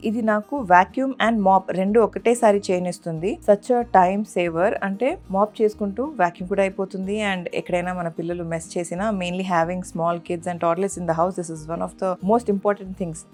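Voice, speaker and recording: A woman vlogger narrating a product demonstration in a steady, explaining manner, mixing in English. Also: fairly low pitch, moderate pace, hardly any pauses, soft background music.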